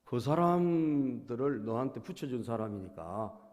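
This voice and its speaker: A male pastor preaching a sermon, storytelling and often prompting the congregation, dropping to soft asides and rising to loud bursts. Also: mid-range voice, animated, measured pace. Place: church sanctuary. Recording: long reverb of a church hall.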